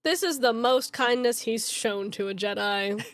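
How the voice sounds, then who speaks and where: A woman's voice: a little high, unhurried, dry recording. Chatty woman player at a tabletop game. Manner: laughs easily, chatty. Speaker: co-host player. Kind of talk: casual chat between scenes.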